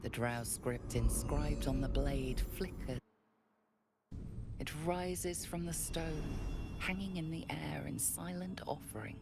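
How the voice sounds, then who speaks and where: An actress voicing a calm, all-knowing storyteller who narrates a game in measured second-person prose. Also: female voice, sits low, creaky, music in the background, exaggerated voice. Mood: solemn.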